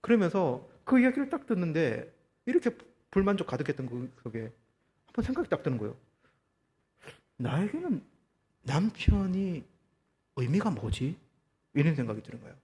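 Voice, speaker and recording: A man preaching a sermon as pastor, telling a story with lively, acted-out quotes and rhetorical questions to the congregation. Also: fairly high pitch, fast talker, in a large hall. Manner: animated storytelling, acting out quoted voices. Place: church.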